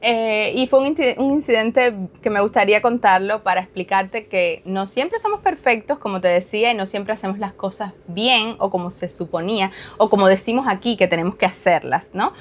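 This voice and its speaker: A woman in her thirties, a behavior analyst speaking as a guest, telling a personal story in an animated, lively way. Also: mid-range voice, brisk, hardly any pauses. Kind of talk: casual interview storytelling.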